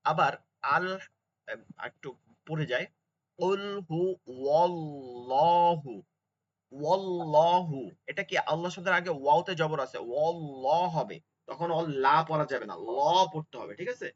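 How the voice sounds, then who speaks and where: Bright-voiced man teaching Quran recitation. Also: a little high, highs cut off. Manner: explains patiently, chants Arabic phrases slowly. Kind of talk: online tajweed lesson.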